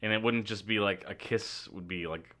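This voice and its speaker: A man's voice: on the low side, normal speed, bright, forceful tone. A man casually discussing a movie with a friend, joking, teasing and laughing often.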